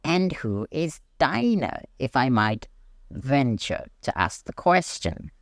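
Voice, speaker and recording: A man's voice: medium pitch, sing-song, dry recording, clean studio sound, pitched above the performer's own voice. A man voicing a polite, inquisitive lory bird with a courteous manner in a storybook reading. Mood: politely curious. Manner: slow, courteous, sighing.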